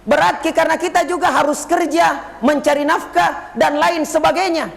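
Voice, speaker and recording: A man preaches to parents in a joking, crowd-rousing way. His voice sits very high and has a gravelly rasp. It rings out with a long echo through a school hall. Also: fairly even intonation, moderate pace. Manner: jokey, addresses the audience directly, rallies the crowd. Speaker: Islamic teacher speaking at a parents' forum. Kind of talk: humorous preaching talk to parents.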